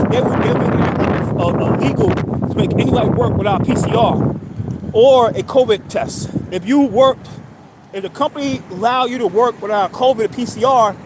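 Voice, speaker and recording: A man in his thirties from New York, talking in a rambling, halting monologue full of restarts. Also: high-pitched, heavy background noise. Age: 30s. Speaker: livestream host.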